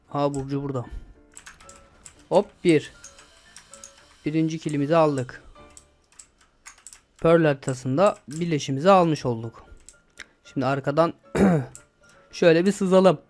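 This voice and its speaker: A young man giving casual gameplay commentary, excitable, shouting and swearing at the game as he plays. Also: a little high. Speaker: gaming YouTuber.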